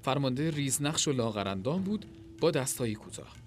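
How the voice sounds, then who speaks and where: A man narrating a story in a steady, measured reading voice. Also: medium pitch, faint music behind.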